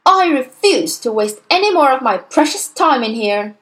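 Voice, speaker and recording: A woman's voice: high voice, lively intonation, moderate pace, fairly bright tone. A woman voicing a huge, furious, bullying headmistress in a story, roaring accusations and insults. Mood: fed up.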